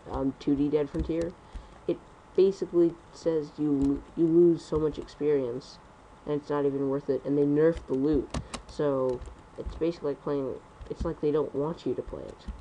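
A young man rambling through casual gameplay commentary at home on a computer mic, talking fast and correcting himself. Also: fairly high pitch, fairly even intonation, warm tone, a little hiss or hum, low-quality recording. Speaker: gaming commentator.

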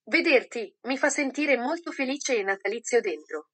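A woman voicing a lively, cheerful squirrel in a storybook, bouncy and excited. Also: fairly high pitch, moderate pace.

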